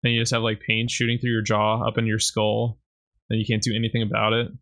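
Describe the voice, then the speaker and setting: A man co-hosting a podcast in casual chat, blunt and quick to swear while he rants. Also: fairly low pitch, monotone, fairly bright tone. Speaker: podcast co-host.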